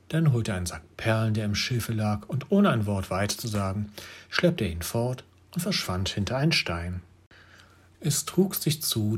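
A man reading a fairy tale aloud, narrating in a lively way with occasional slips. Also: lowish voice, breathy edge. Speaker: storyteller.

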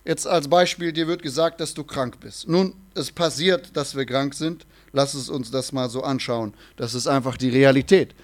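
A man's voice: medium pitch, normal speed, few pauses. A man preaching a sermon in an earnest manner, quoting scripture and repeating phrases for emphasis.

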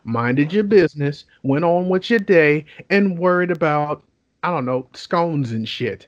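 Teasing higher-voiced man, dull lo-fi mic. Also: animated, measured pace, no echo. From Oakland. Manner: teasing, joking, crude. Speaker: podcast co-host. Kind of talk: casual podcast banter. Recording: dull lo-fi sound.

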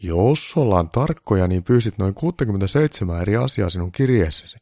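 A man playing a calm, blunt old Santa Claus in a comic audio story. He speaks firmly and matter-of-factly with a gravelly, dark timbre, and the sound is dry and close. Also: fairly low pitch, dry recording, voice pushed up. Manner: dry, matter-of-fact, firm.

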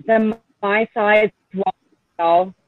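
A man with a high voice talks over a video call, and his connection keeps cutting in and out. The sound is thin and tinny like a phone line, and it is dry, with no room echo. He speaks in a halting, rambling way. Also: fairly even intonation. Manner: rambling, hesitant phrasing. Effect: choppy, breaking-up call connection.

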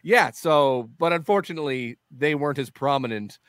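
A man's voice: medium pitch, lively intonation, brisk, a bit bright, no echo, studio quality. A man co-hosting a podcast, riffing and joking in casual chat. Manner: jokey, riffing. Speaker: podcast co-host.

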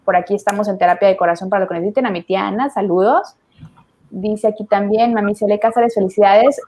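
A woman with a Mexican accent hosts a live online talk show. Her voice sits at a middle pitch, and she talks in a chatty, expressive way while greeting viewers and reading their comments. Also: fast. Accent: Mexican Spanish.

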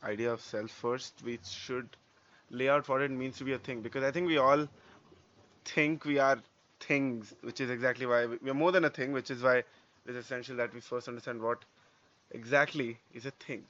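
A man's voice: medium pitch, fairly even intonation, normal speed, fairly bright tone. Man, mid-range voice, podcast co-host, explanatory casual talk, tag questions, muffled recording. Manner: explains step by step, with check-in questions like "right?". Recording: dull lo-fi audio.

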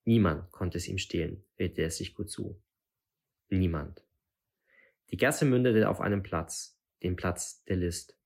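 A man reading a fantasy novel aloud in a measured, suspenseful way. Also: low-pitched, creaky, husky. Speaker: audiobook reader.

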